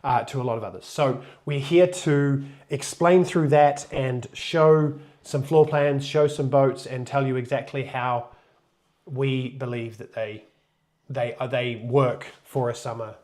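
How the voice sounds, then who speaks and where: A man talks loosely and jokingly, mid-pitched, as he hosts a laid-back live stream. He is getting over a cold and still sounds a little worn. His speech is casual, full of restarts and asides. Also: steady tone, unhurried, a little mellow. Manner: chatty, loose, restarts and jokes. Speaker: co-host of a sailing channel live stream.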